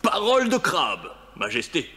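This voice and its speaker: High, swooping little crab courtier. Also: male voice, wildly swooping pitch, a little slow, sharp tone, heavily acted. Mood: sheepish. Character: fussy, deferential crab courtier, kindly and animated. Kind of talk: dramatized children's audio story acting.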